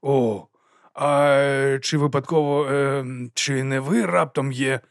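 Nervous chief acolyte, hemming and stammering slowly, voiced by the male reader. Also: mid-range voice, steady tone, creaky, no room sound, clean studio sound. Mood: flustered. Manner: hesitant, stammering, slow.

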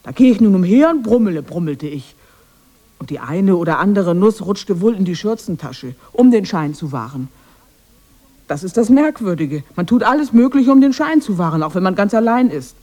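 In a radio drama, an actress voices a lonely, misunderstood witch of the woods who plaintively defends herself. Her medium-pitched voice is very animated, mellow and at normal speed, with a wistful, self-justifying mood.

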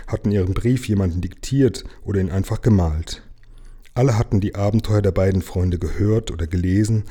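A man reading a children's book aloud in a gentle, unhurried storytelling manner. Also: lowish voice, husky.

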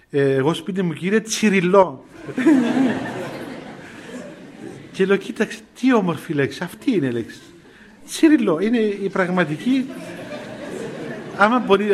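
A middle-aged man, a priest giving an informal sermon full of stories, chuckling often and restarting his phrases. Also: high voice. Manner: storytelling, chuckling often, many fillers and restarts. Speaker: priest giving a spiritual talk.

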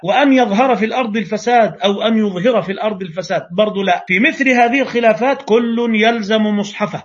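Egyptian male lecturer, high husky voice, rapid delivery, dull call-quality audio. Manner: animated, mixes classical and colloquial Arabic, role-plays debates. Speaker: Quran recitation teacher. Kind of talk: online lecture. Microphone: video call.

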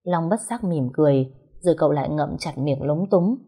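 A woman narrating a story in a low, steady voice. Her tone is mellow and warm, with a breathy, husky edge. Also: a little fast. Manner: steady, even story reading.

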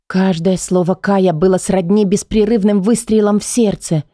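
A woman's voice: mid-range voice, fairly even intonation, moderate pace, mellow, no room sound, studio quality. A woman narrating an audiobook in the first person, in a tense and emotional way.

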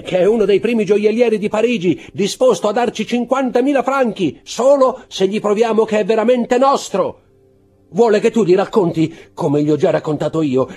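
A man voicing a greedy, excitable male innkeeper who shouts eagerly in an audiobook. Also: high voice, pitched above the performer's own voice.

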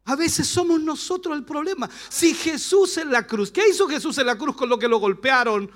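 A man's voice: very high-pitched, lively intonation, normal speed, a bit bright. A man with a Chilean accent, a pastor preaching a rousing sermon at a church service, full of rhetorical questions and playful asides. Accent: Chilean Spanish.

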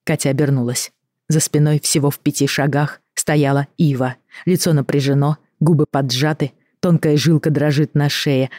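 A woman with a low, deep voice narrates a storybook in a measured, expressive way. The recording is dry and close, with no room sound. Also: no room sound. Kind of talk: audiobook narration.

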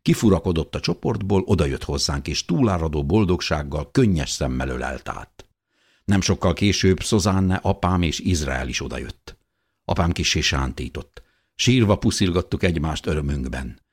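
A man reading a first-person audiobook in a steady, measured way. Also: a bass voice, husky. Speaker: audiobook narrator.

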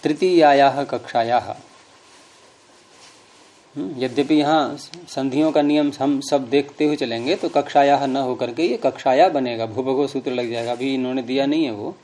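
A man's voice: mid-range voice, fairly even intonation, a little fast, few pauses, dark tone. A middle-aged man teaching a grammar class, explaining patiently and quizzing his students. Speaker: Sanskrit teacher.

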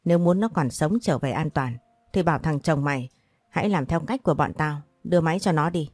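A woman voicing a cold, menacing male kidnapper who makes sharp threats, in an audio story. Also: deep voice, brisk, husky, no echo.

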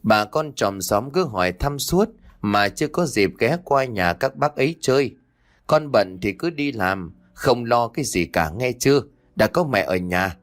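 A man's voice: mid-range voice, lively intonation, a little slow, fairly bright tone. A man voicing a scheming old village woman, bossy and sweet-talking. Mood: coaxing.

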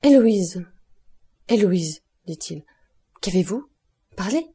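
A woman's voice: on the low side, fairly even intonation, normal speed, dark tone, slightly rough. A woman reading the part of an anguished middle-aged male royal prosecutor in an audiobook, with tense, urgent outbursts. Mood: anxious.

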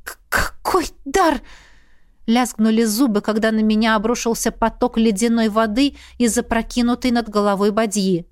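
A woman narrating an audiobook in the first person with even, expressive storytelling. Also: on the high side, a little fast, hardly any pauses, clean tone, dry recording, studio quality.

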